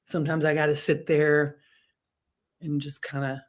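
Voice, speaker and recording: A woman's voice: sits low, unhurried. A woman, a singer-songwriter, chats as a podcast guest. Her talk is easygoing and informal, and she laughs easily as she speaks. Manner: relaxed, chatty, laughs easily. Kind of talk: casual interview conversation.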